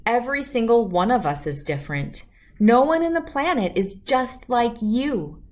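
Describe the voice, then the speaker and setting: A woman performs a children's picture book as an expressive storyteller, her voice slightly high and her pace normal.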